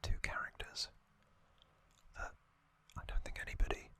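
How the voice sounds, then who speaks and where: Speaking close to the mic, this whispered trivia host uses a soft, breathy ASMR whisper that is mostly unvoiced. The gentle recap unfolds in short phrases, each followed by a lingering pause.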